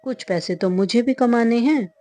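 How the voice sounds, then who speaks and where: A woman's voice: on the high side, moderate pace, mellow, no room sound, lightly acted. A woman voicing a plain-spoken male gardener who is firm on his price and talks matter-of-factly.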